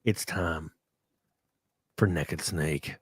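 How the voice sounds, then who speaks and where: A streamer with a husky bass voice speaks very slowly as he reads donations during a relaxed livestream. He thanks donors in a rambling, profane way, sniffly and a bit tipsy, in studio-quality audio without room sound.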